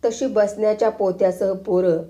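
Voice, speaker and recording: Mellow-voiced woman reading a story. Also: mid-range voice, normal speed. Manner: lively storytelling, reading aloud. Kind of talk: scripted story narration.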